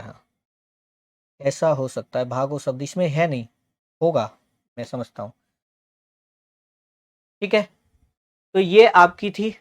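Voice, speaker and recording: A man teaching a shorthand class, calling students beta and bhaiya and repeating each word slowly for dictation. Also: on the high side, darkish tone.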